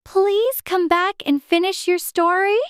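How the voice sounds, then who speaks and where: A woman's voice: very high-pitched, measured pace, no room sound, studio quality, pitched above the performer's own voice. A woman voicing a polite, eager little girl in a dramatized audiobook reading. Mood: earnest. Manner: humble, eager, pleading.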